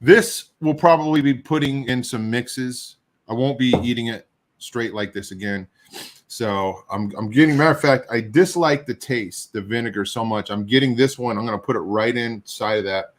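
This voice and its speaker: A middle-aged man talks on camera while he tastes hot sauce, with a runny nose. He rambles and backtracks in a self-deprecating way, and his voice sits at an ordinary middle pitch. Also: moderate pace. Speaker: show host. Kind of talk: casual chat while tasting hot sauce.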